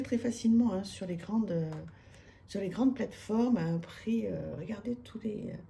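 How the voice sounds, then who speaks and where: Gravelly-voiced woman, hesitant chat. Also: mid-range voice, dark tone, slight background noise. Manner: hesitant, many fillers and restarts, enthusiastic. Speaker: tarot reader presenting her decks. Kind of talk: casual chat to camera. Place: home room with street noise outside.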